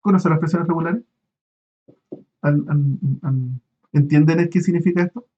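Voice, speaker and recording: A man's voice: fairly high pitch, warm tone, muffled recording. A man teaching an online university class, explaining step by step with many fillers and restarts. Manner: halting, many restarts and fillers, asks students questions. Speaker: university lecturer.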